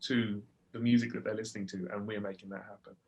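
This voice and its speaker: A man's voice: on the low side, flat delivery, fast talker, darkish tone. A British man in casual conversation, explaining his views earnestly. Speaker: guest. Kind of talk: casual chat.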